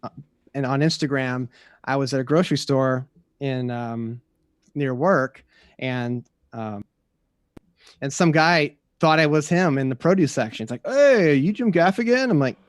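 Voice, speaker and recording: A man at a middling pitch, a podcast guest chatting in an easygoing way. He tells funny anecdotes and chuckles along as he goes. The sound is dry and close. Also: unhurried, long pauses, dry recording. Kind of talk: casual chat.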